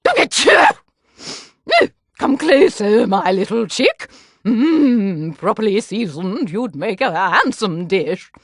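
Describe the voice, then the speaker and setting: An actress playing a gloating, predatory glutton in a video game, mock-sweet, theatrical and menacing. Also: female voice, fairly high pitch, no echo, clean studio sound, exaggerated voice. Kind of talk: video game character acting.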